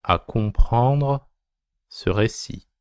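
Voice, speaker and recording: A man's voice: mid-range voice, very slow, clear, resonant tone, dry recording, studio quality. A man dictating a text as a teacher, phrase by phrase, repeating each short phrase and speaking the punctuation aloud.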